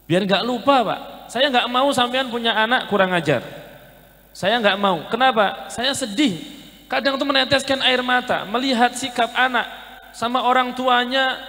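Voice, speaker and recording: A man's voice: extremely high pitch, normal speed, bright, forceful tone, big-room sound. A male Islamic preacher, giving a conversational sermon and telling stories while addressing the men listening.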